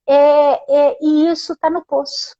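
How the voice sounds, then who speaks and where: High-voiced woman speaking slowly and softly. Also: little pitch movement, highs cut off. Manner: soft, unhurried, tags phrases with "né?". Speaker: guest therapist. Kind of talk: casual spiritual conversation.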